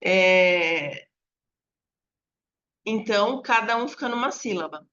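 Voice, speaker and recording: A woman's voice: mid-range voice, moderate pace, sharp tone, lo-fi sound. A woman teacher giving an online lesson, patiently stretching out example words as she explains. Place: home apartment with dogs barking nearby.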